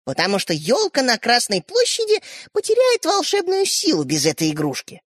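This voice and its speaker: A scornful, bossy girl, the older sister, pitched high and swinging widely as she mocks and scolds, voiced by a woman reading a storybook. The sound is close and dry. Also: wildly swooping pitch, normal speed, slightly rough, dry recording, full character voice. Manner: mocking, scolding. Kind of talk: audiobook character reading.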